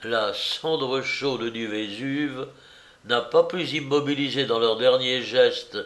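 Homme lisant un roman, lent et dramatique. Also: male voice, mid-range voice, fairly bright tone. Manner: slow, dramatic storytelling. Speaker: audiobook reader. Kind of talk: novel narration read aloud. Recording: roomy echo.

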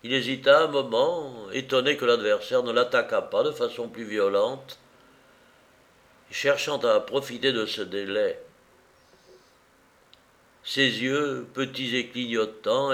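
A man narrating an adventure novel in a measured reading. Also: medium pitch, a bit bright. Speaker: audiobook narrator. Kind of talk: scripted narration.

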